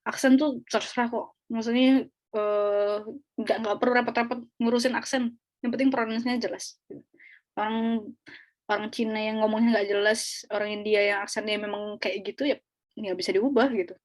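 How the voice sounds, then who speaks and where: A woman's voice: a little high, steady tone, moderate pace. A woman tutoring an online speaking class, explaining in a chatty, casual way with fillers and small laughs over a video call.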